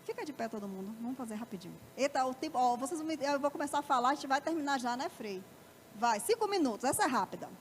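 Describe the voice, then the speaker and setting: High-voiced Brazilian woman lecturing. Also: lively intonation, quick pace, a little hiss or hum. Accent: Brazilian Portuguese. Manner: asks the audience frequent rhetorical questions. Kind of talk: live motivational talk. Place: parish auditorium.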